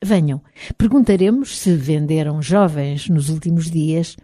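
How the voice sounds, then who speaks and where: A woman's voice: deep voice, measured pace, warm tone, no room sound, clean studio sound. A woman with a European Portuguese accent reading a practical, matter-of-fact man.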